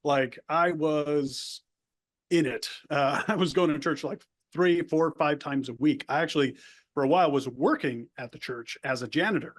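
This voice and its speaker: A man's on-the-high-side voice moves at a moderate pace as he recounts his life story. He is a guest in a loose, casual interview, a Spanish-speaking native of the US El Paso border area, and he frequently restarts his sentences.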